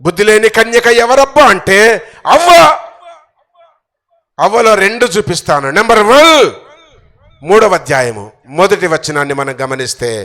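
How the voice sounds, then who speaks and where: A male pastor, hoarse and strained, preaching a fervent sermon with sudden shouts and repeated phrases. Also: extremely high pitch.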